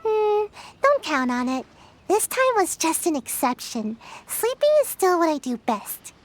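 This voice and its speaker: A woman's voice: very high voice, very animated, measured pace, full character voice. A woman voicing a lazy, sleepy young girl ninja in a game, talking in a drowsy, offhand, teasing way. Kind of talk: game voice acting.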